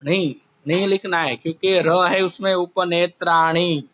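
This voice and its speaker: A man teaching a class, slowly drilling word forms, asking questions and answering them himself. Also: high voice, fairly bright tone. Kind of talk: slow classroom explanation. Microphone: recorded while writing on a board.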